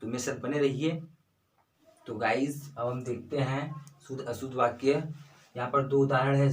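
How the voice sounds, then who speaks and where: A man's voice: medium pitch, echoey room, distant mic, rough recording. A young man teaching a casual online grammar lesson, chatty, often asking himself questions and repeating his examples.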